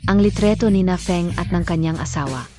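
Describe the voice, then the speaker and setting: An actress dubbing a spiteful young office coworker who accuses and sneers. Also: female voice, lowish voice, brisk, music in the background, lightly acted. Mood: accusing. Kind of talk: dubbed drama acting.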